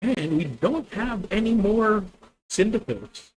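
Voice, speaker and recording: A man's voice: high-pitched, sing-song, slow, darkish tone, slightly rough, low-quality recording. A man with a Filipino accent thinking aloud as he plays a card game on stream, chatting with viewers. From Philippines. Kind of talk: live card game commentary.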